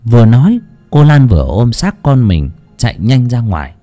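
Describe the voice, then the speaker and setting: A man's voice: medium pitch, sing-song, normal speed, mellow, faint music behind. A man narrating an audiobook story in a dramatic way that rises and falls with the action. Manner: dramatic, rising and falling with the action.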